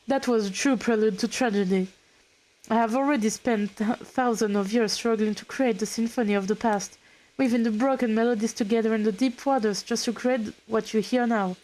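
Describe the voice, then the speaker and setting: A woman's voice: on the high side, normal speed, a little mellow, close to an everyday voice, poor audio. A woman reading aloud a stern male comrade who speaks in solemn, reproachful tones. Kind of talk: reading game dialogue aloud.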